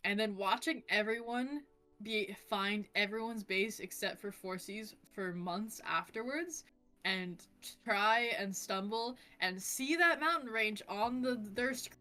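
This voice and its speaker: A woman chatting over an online call, her middle-pitched voice loose and rambling. Her mic is peaking, so the sound clips into crunchy distortion and drops in and out. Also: unhurried, sharp tone, faint music behind. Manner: rambling, trails off and restarts, laughs often. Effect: clipping, distorted mic cutting in and out. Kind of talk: casual chat over a voice call. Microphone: computer mic on an online voice call.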